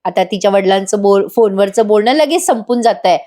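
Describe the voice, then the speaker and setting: A woman's voice: medium pitch, expressive, fairly quick, warm tone. A woman giving a chatty voice-over recap of a TV serial, talking straight to viewers and laughing often. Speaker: TV serial reviewer.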